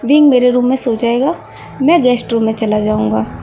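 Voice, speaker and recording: A woman voicing a calm, sensible young adult son in a storybook reading, with an even, reasonable tone. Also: fairly high pitch, normal speed, gravelly, faint music behind.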